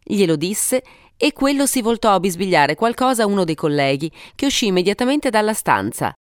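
A woman narrating a story for an audiobook, reading expressively with dramatic pauses. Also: medium pitch, sing-song, no echo, studio quality. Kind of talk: scripted narration.

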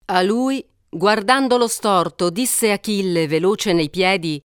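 A woman narrates an ancient epic in a steady, measured way. Her voice is smooth and resonant. The recording is dry and close. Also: mid-range voice, dry recording.

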